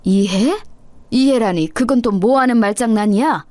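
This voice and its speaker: A woman's voice: on the high side, moderate pace, a little mellow, no echo, natural voice. A woman voicing an older, stern mother-in-law who scolds and accuses her daughter-in-law. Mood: outraged.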